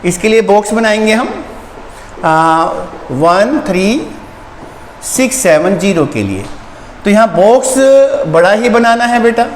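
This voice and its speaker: High-voiced man teaching in an echoey room. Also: big pitch swings, a little slow. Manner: patient, asks and answers his own questions, repeats terms, calls students "beta". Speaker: school teacher. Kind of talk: online math lesson for young children. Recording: echoey room with long reverb, faint background noise.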